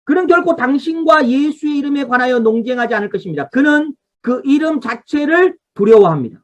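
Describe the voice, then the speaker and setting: A woman's voice: sits high, expressive, fairly quick, darkish tone. A woman pastor leading an online revival Bible study over a video call. She teaches from a study guide, tells listeners what to underline, and asks the congregation to respond.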